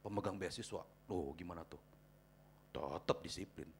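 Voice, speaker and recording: A middle-aged man preaching a sermon as pastor, chatty and storytelling, swinging from quiet asides to loud, high exhortation. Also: moderate pace, slight background noise. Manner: conversational, acts out quoted people in anecdotes.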